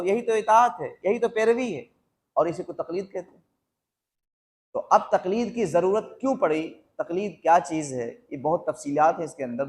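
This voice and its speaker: High-voiced man preaching a sermon. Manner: questions the audience and repeats phrases for emphasis; slows down to spell out quoted phrases. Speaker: Islamic preacher. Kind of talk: live sermon to a seated audience.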